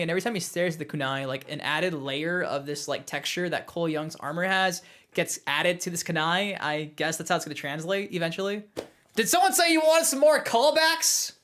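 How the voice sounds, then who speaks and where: An excitable young man giving a casual spoken movie review, his voice sitting high and bouncing around as he gets worked up. He jumps between fast asides and slower emphasis, and now and then he playfully imitates lines. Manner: excitable, animated, mimics quotes.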